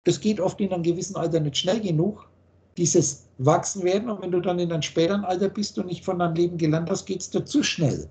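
A man's voice: high voice, steady tone, fast talker, darkish tone. A man teaching in a video call, blunt and preachy, firing off rhetorical questions. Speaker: spiritual teacher.

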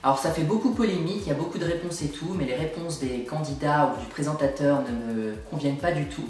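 A young man, apparently a video blogger, rants to the camera from a small room at home, emphatic and exasperated and complaining throughout. His voice sits a little high and he talks fast, with faint music in the background. The camera mic is a short distance away, so the room sounds very echoey and distant.

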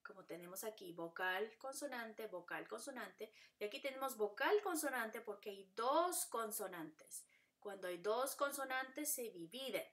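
Patient female teacher, bright tone, repetitive drilling delivery, occasional English asides. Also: fairly high pitch, lively intonation, a little slow. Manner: patient, repeats patterns, switches to English to explain. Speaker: Spanish teacher. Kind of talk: classroom lesson.

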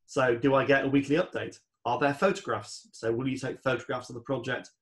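Speaking fairly quickly with a level, mid-range tone, this podcast guest explains home renovation project management step by step, methodically and instructively.

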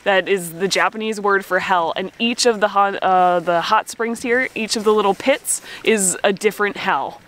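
Filming handheld at arm's length, a travel vlogger in her thirties spins playful, chatty stories beside steaming volcanic hot springs. She talks at a moderate pace with few pauses in a somewhat bright, mid-range voice, while wind and hissing steam vents fill the background.

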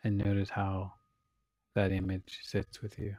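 A deep-voiced man guides a meditation as a teacher, speaking calmly in short, measured phrases separated by long pauses.

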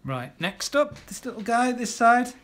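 A man's voice: very high-pitched, very animated, measured pace, a bit bright. A man leading a live draw-along painting class, chatty and encouraging, talking as he paints with lots of ums and restarts. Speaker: illustrator teaching a live art class.

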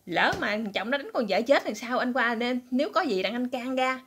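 A woman voicing a curious, excitable husband who gossips about the neighbors. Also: fairly high pitch, brisk, a little hiss or hum. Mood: worked up. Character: curious nosy husband, middle-aged man.

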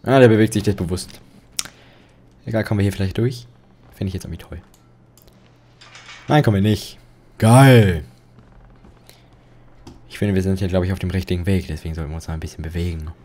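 A man's voice: low voice, fairly even intonation, a little fast, long pauses, dark tone. A young man commentating a horror game, jittery and rambling, joking and yelping when startled. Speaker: let's play commentator.

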